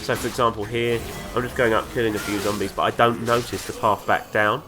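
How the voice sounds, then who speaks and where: A man's voice: on the low side, fairly even intonation, a little fast. A man with the flu, sounding congested and nasal, chatting enthusiastically and a bit ramblingly while playing a game. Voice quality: nasal from a cold. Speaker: gaming video host. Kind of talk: let's play commentary. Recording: game music playing underneath. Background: game music and sounds.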